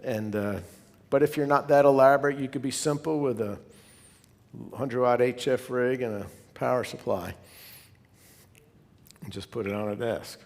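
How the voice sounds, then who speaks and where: Speaking as a club member to other hobbyists, a man presents conversationally and wanders into asides, his ordinary mid-range male voice moving at a moderate pace with long pauses. The space is large and reverberant, leaving a long echo behind his words.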